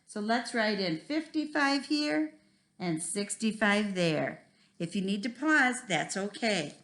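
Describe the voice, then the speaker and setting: This woman takes things slowly as she teaches a first grade math lesson on video. Her mid-range voice has lively intonation and a fairly bright tone, and she talks to the children simply and encouragingly, much like a kids show host.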